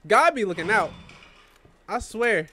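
A young man giving profane, excitable let's-play commentary while talking back to the game's characters. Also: high voice, unhurried. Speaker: gamer playing a horror game.

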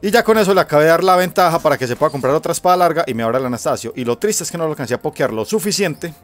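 Casual Colombian man commentating gameplay. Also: medium pitch. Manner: casual, profane, talks to himself and his opponent. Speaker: gamer.

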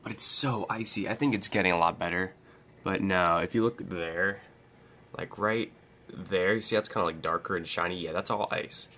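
Speaking at a normal speed in a low-pitched, bright, forceful voice, a young man films a casual vlog tour from a house basement to a snowy street at night. He jokes along enthusiastically, with slight background noise on the arm's-length handheld camera audio.

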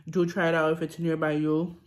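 A woman's voice: deep voice, level tone, a little fast. A young woman vlogger chatting casually between bites of food, rambling with ums and restarts. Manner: talks between bites, chewing and sipping. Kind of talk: casual mukbang chat while eating.

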